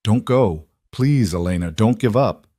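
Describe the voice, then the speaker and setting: A man's voice: on the low side, lively intonation, measured pace, warm tone, dry recording, studio quality. A man voicing an anxious single father who pleads desperately. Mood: pleading.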